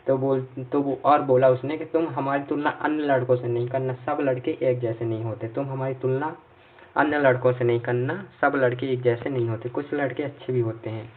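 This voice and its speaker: A man's voice: medium pitch, steady tone, fairly quick. A man teaching an exam-prep lesson through memory tricks. He repeats himself a lot and keeps checking in with his listeners. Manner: repetitive, checks in often with "ठीक है". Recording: tinny, phone-like sound from a distance off mic.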